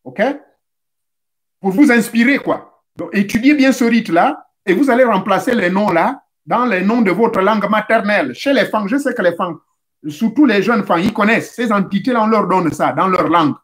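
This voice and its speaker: A man's voice: high-pitched, moderate pace. A man from Central Africa explaining a spiritual rite step by step, speaking directly to his listeners and repeating key points. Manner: didactic, addresses listeners directly, repeats steps. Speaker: spiritual teacher. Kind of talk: instructional talk.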